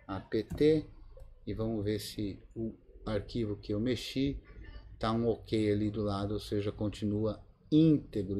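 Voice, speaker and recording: With a dark, fairly low-pitched voice, a Linux course instructor who has a Brazilian Portuguese accent teaches a live screen-share lab over a video call. He thinks aloud using many fillers, and his video call mic adds a little hiss or hum.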